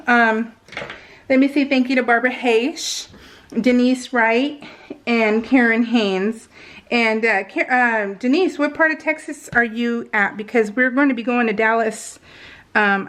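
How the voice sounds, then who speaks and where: A craft video host chats casually and ramblingly to her viewers in a giggly, self-deprecating way, recording voice-over at home while crafting. Her voice is a little high with a fairly bright tone.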